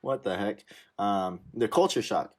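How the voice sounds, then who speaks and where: A man's voice: on the low side, measured pace, a little mellow. A young man in his twenties co-hosting a podcast, chatting casually in a laid-back, slangy way and laughing often. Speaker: podcast co-host. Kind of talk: casual chat.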